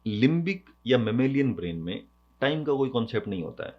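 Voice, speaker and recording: A man's voice: medium pitch, sing-song, normal speed. A man hosting an educational video, explaining in a conversational way, mixing English terms into his speech and asking rhetorical questions. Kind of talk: explanatory lesson. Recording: dull lo-fi sound.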